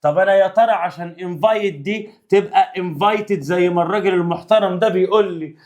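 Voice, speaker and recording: A man's voice: high voice, a little fast, darkish tone. A man teaching an English grammar revision lesson in Egyptian Arabic, playful and talking straight to his students. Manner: playful, talks to students directly.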